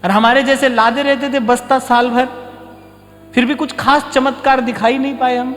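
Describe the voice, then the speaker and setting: A man's voice: extremely high pitch, fairly even intonation, normal speed, a bit bright, in a large hall, faint music behind. A man giving a devotional discourse as a spiritual teacher, telling stories and acting out short exchanges of dialogue. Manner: storytelling, acts out short dialogues. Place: ashram hall.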